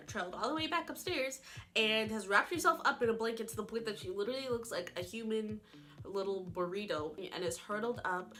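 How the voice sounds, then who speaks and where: A woman telling a dramatic storytime vlog in an animated, chatty way, full of "like". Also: a little high, background noise. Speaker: vlogger.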